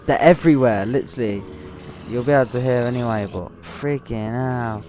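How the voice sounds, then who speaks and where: A man's voice: mid-range voice, steady tone, normal speed, background noise. A man giving live gameplay commentary, nervous and jittery, often exclaiming and repeating himself. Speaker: gaming video host.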